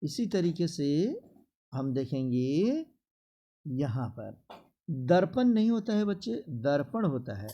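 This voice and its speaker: A man teaching a classroom spelling lesson, slowly drilling words and repeating them for his students, with a Bihari Hindi accent. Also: a little high, sing-song, mellow.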